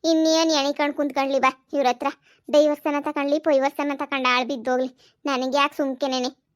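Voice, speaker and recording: A woman's voice: high voice, little pitch movement, a little fast, no room sound, studio quality, close to an everyday voice. A woman voicing a melodramatic village woman, in a cartoon comedy. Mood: fed-up. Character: fifty-something village woman, pushy, clingy.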